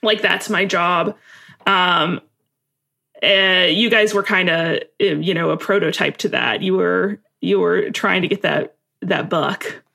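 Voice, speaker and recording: A woman co-hosting a podcast, chatting casually and throwing in quick jokes. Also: on the low side, steady tone, gravelly, sharp tone. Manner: quick reactive interjections and jokes. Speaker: podcast co-host. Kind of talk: casual chat.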